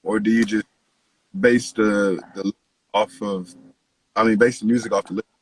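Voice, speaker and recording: Husky-voiced man, casual slangy host. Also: lowish voice, level tone, moderate pace, rough recording. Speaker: podcast host, interviewer. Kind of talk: casual chat, slangy and profane.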